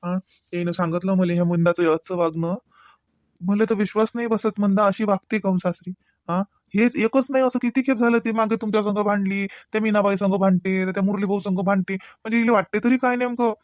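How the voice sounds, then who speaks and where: A man voicing a gentle, forgiving middle-aged father-in-law. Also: high voice, fairly even intonation, a little fast, dry recording, clean studio sound, lightly acted. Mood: consoling. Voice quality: gentle, consoling.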